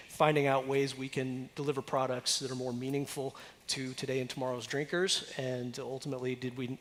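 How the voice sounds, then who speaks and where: A brewery marketing executive, a man, speaking on a conference panel in a measured way with many "uh" fillers. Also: medium pitch, fairly bright tone. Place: conference stage. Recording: long reverb of a conference hall.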